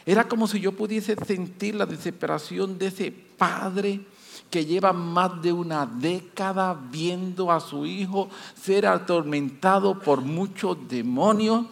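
A man preaching a sermon with great passion, moving between quiet, hushed passages and loud, rising repetitions. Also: high voice, a little slow, gravelly. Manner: impassioned, swinging from hushed to loud. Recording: long hall reverb.

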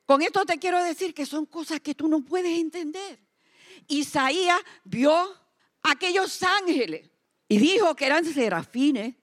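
A woman preaching a sermon to a church service. Her voice sits high, and she builds to loud, emphatic declarations that she repeats for weight.

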